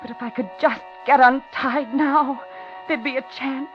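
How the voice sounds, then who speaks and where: In a 1950s radio thriller, an actress voices a frightened captive who stays outwardly polite while breathlessly narrating her ordeal in first-person suspense. Her high-pitched voice is steady and unhurried, the mood is one of tense, hushed dread, and the dull period radio-drama recording has loud music.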